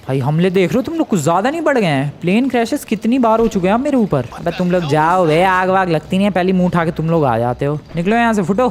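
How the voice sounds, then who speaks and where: An excitable young man talks through a spooky video game in a fairly high voice. He chats casually, then yelps and climbs even higher when something startles him. Faint game music plays underneath. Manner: excitable, yelps and rises sharply when scared. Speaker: gaming YouTuber. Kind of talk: casual gameplay commentary.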